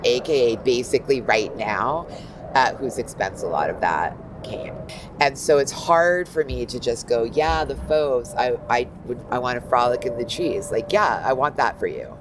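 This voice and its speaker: A woman in her fifties, a guest art critic, talking in a lively, animated way full of asides. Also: extremely low pitch, background noise. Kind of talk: casual interview talk.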